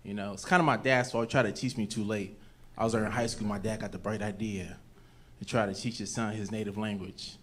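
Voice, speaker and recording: A stand-up comedian with an American accent spins stories on an indoor comedy club stage, his voice lowish, steady and fairly bright, his delivery a little fast. He uses a handheld stage mic, and the noisy live club recording is played back.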